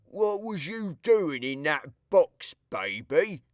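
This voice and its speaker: A man voicing a soft-hearted male burglar with rough slang, drawing out his words slowly. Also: on the high side, very animated, no echo, studio quality, voice pushed up. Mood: coaxing. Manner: slow, drawn-out delivery.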